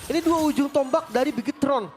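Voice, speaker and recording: A man's voice: very high voice, quick pace. A man with an Indonesian accent giving conversational analysis during an esports broadcast. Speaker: esports commentator. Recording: loud music behind the voice. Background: loud music.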